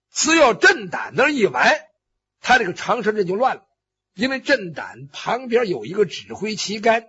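Guy telling an old story, really animated pitch, crisp bright tone, sound effects thrown in. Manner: vivid, with spoken sound effects and acted cries. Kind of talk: traditional Chinese storytelling. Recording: dull lo-fi recording.

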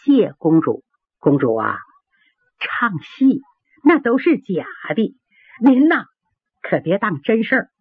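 A woman voicing a humble young street singer who speaks politely and lowers herself before a princess. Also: big pitch swings, slow, long pauses, breathy edge, dry recording, heavily acted. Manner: deferential, polite, self-lowering. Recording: dry, tinny phone-like sound.

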